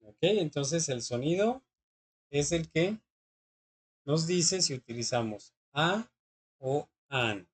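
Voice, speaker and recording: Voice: medium pitch, expressive, takes it slowly, pauses often, slightly rough. A teacher, patiently explaining English grammar in class and often checking that students follow. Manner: patient, often checks understanding with short questions.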